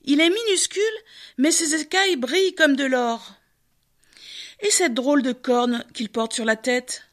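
A woman voicing Manu, a wise and earnest man who speaks with anxious, lively feeling in a storybook tale. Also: high voice, a little slow. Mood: amazed.

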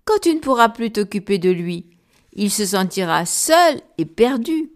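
A woman's voice: medium pitch, big pitch swings, a little slow. A woman voicing a poor, determined young male viking in a storybook, speaking earnestly.

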